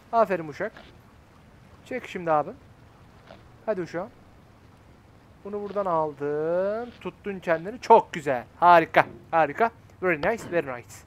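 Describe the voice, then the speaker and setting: A man in his twenties from Turkey giving casual gameplay commentary, coaxing himself and fretting aloud. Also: high-pitched. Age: 20s. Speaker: gaming YouTuber.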